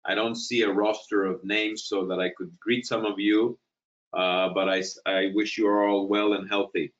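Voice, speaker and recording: Low-voiced man on a lo-fi call. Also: level tone, normal speed. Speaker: panelist. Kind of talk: webinar panel talk. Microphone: video call. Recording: dull lo-fi call audio.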